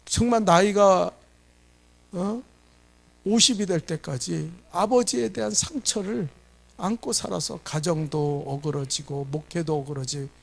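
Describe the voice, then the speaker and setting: Brief: middle-aged male pastor, a sermon with a fairly high, gravelly voice, animated and questioning. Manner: animated preaching, asks the congregation questions and acts out quoted scolding.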